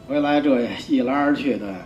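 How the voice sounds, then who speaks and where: A man's voice: medium pitch, normal speed, a little mellow. A man, giving a rambling, colloquial spoken testimony full of repeats and restarts. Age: 50s. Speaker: church member giving testimony. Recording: roomy, dull sound with faint music.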